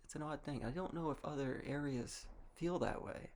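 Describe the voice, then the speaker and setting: A man's voice: on the high side, moderate pace. A young man from Massachusetts with a mild Massachusetts accent, musing in a wry, rambling, opinionated monologue. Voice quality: gravelly, husky. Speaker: vlogger. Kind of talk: casual monologue.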